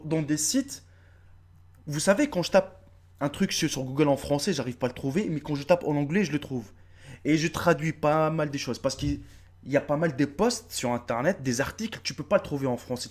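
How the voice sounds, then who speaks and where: A man in his thirties with a North African French accent, talking straight to his viewers in a casual, swearing, repetitive vlog. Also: fairly high pitch. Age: 30s. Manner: animated, swearing, repeating himself, addresses viewers directly. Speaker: YouTube video creator. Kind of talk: casual face-to-camera vlog.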